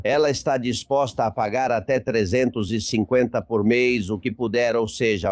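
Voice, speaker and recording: A man hosting a political talk show speaks in an even middle voice. He sounds indignant as he appeals to his listeners. The recording is dry and close, with no room sound. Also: medium pitch, no room sound. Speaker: host.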